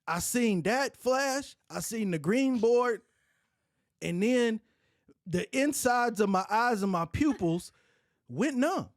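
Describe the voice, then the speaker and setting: A woman's voice: a little high, slow pace, no room sound, clean studio sound. A woman hosting a podcast, telling a wild story in casual chat, swearing freely and laughing partway through. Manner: profane, animated storyteller who laughs mid-story. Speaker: podcast host.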